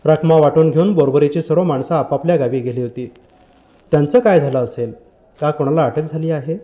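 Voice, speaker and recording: A man reads a novel aloud in a measured, literary way. His voice sits high for a man, and he paces the descriptive passages steadily. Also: warm tone. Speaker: audiobook narrator. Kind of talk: scripted novel narration.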